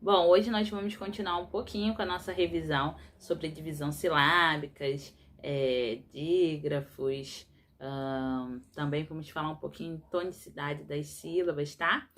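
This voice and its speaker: A woman, a primary school teacher explaining a lesson to young pupils slowly and patiently, often checking that they follow. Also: low voice, fairly even intonation, fairly bright tone. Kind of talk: recorded remote class explanation.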